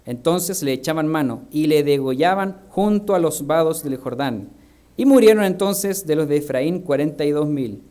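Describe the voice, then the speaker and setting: A man's voice: a little high, normal speed, dark tone. A male minister with a Chilean Spanish accent, preaching a sermon full of rhetorical questions. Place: church.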